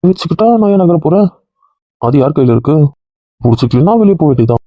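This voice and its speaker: A man's voice: a little high, expressive, quick pace, dry recording, dull audio. A man in a casual comedy skit, teasing and mock-threatening the others in a bossy way.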